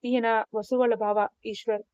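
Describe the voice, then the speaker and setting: A woman's voice: fairly high pitch, little pitch movement, moderate pace, a little mellow, no room sound, close to an everyday voice. A woman voicing a tearful, grateful young wife who speaks earnestly in a storybook reading. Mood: relieved. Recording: dull, dry lo-fi recording.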